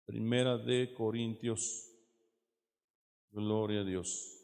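A man preaching a Bible teaching sermon, explaining patiently, often checking with "¿verdad?" and slowing down to read verses. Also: fairly low pitch, steady tone, gravelly, a little mellow, in a large hall. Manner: explanatory, frequent "¿verdad?" tag questions, slows to read verses.

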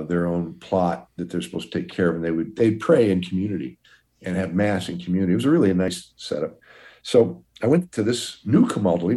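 Deep-voiced older priest telling stories. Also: male voice, warm tone. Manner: folksy storyteller, chuckling, with many restarts. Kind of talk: telling his life story in an interview.

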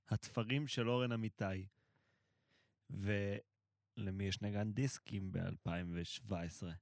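A man's voice: medium pitch, no room sound, clean studio sound. A man speaking as a podcast guest in casual, joking talk, slipping in English phrases.

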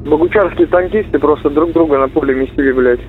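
A man's voice: a little high, fast talker, faint music behind. A young Russian man, a soldier calling home, venting casually and swearing constantly over a radio-like phone intercept. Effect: voice heard over a radio-like phone intercept. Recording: muffled narrowband intercepted phone call.

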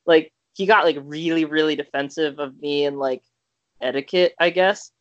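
A man's voice: fairly high pitch, normal speed, a bit bright, no room sound, highs cut off. A young man co-hosting a podcast, telling a story in casual chat, rambling with lots of fillers and restarts. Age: young adult. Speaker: podcast co-host.

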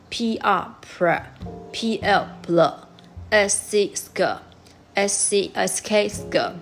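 A woman teaching English phonics, spelling out letters one by one and repeating each sound slowly. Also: medium pitch. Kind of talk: explanatory lesson. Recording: faint music behind.

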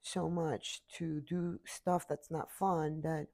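A woman's voice: sits low, level tone, slow pace, vocal fry, dark tone. A tired woman giving an earnest, repetitive motivational talk into her computer mic.

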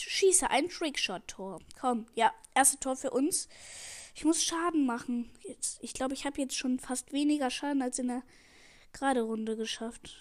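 Excitable high-voiced teen girl gamer. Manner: excitable, pleading and narrating every move. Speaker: gamer streaming her match. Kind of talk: live gameplay commentary. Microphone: headset.

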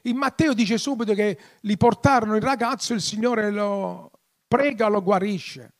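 A man preaching a sermon, passionate, swelling into loud, emphatic appeals. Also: high voice, normal speed. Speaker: pastor.

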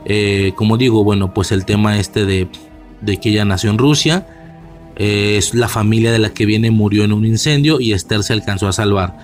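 A man's voice: lowish voice, normal speed, faint music behind. A man with a Mexican accent giving a casual film commentary, rambling and slangy, with many fillers and restarts. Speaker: movie reviewer.

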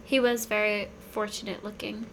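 A woman's voice: medium pitch, little pitch movement, normal speed, fairly bright tone, a little hiss or hum. A woman in casual chat, answering with wry, teasing remarks and short reactions.

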